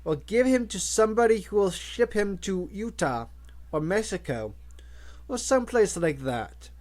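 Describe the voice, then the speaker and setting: A man's voice: high-pitched, lively intonation, moderate pace, darkish tone. A man reading a matter-of-fact pilot. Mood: offhand.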